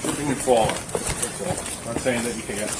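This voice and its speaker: A man's voice: mid-range voice, normal speed. A male police officer chatting about work in an informal, matter-of-fact way. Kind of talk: casual work chat. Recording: very noisy police bodycam audio.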